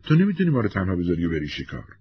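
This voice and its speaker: A man's voice: sits low, wildly swooping pitch, breathy edge, muffled recording, heavily acted. A man voicing a young wife who pleads and insists, in a storybook reading. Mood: upset.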